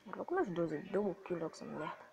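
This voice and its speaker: A male gaming host with a Brazilian Portuguese accent, excitable and swearing as he comments on his gameplay. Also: a little high, vocal fry, a crowd in the background. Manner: excitable, swearing, quick to frustration.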